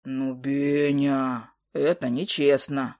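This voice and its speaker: Brief: woman doing a low, sullen owl familiar, grumbling, storybook fantasy. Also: little pitch movement, slow, a little mellow, no room sound, studio quality, full character voice. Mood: sulky. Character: grumpy sulky male owl familiar.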